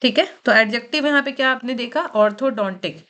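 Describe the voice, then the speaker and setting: A woman's voice: on the high side, fairly quick, fairly bright tone. A woman teacher giving a vocabulary lecture for exam preparation. She mixes Hindi with English terms, repeats key words and asks and answers her own questions.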